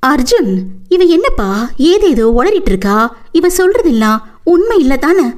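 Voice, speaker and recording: A woman's voice: very high voice, big pitch swings, moderate pace, darkish tone, voice pushed up. A woman voicing a distraught mother in an audiobook, imploring her son anxiously. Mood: pleading.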